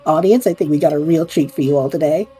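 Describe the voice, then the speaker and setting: Voicing a scatterbrained, eager young male adventurer for a fan audio drama, a woman talks fast in a deep, husky voice. The character jokes through danger, excited and reckless, and faint music plays underneath.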